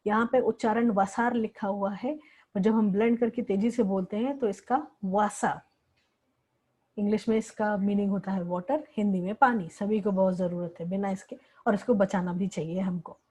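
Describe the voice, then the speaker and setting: A woman's voice: mid-range voice, steady tone, normal speed, dark tone, husky, low-quality recording. A woman teaching a language lesson, patiently repeating each word several times. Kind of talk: slow spoken lesson with repeated words.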